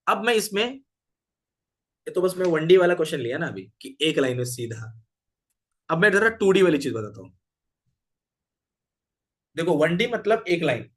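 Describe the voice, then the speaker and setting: A man teaching a physics class, often stopping to ask his students questions. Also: fairly high pitch. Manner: switches between Hindi, English and Marathi, asks the class questions.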